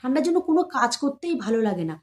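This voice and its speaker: A young woman chatting casually to her viewers, showing gifts for her baby and keeping her voice soft so the child sleeps. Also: sits high, very animated, racing. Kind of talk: casual chat to camera.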